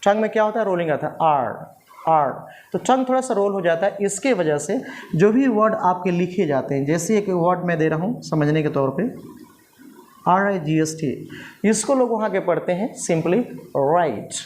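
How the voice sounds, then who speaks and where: Standing at a writing board, a man gives a classroom-style spoken English lesson, patiently repeating drills slowly and calling his viewers friends. His voice is high and expressive, with a darkish tone.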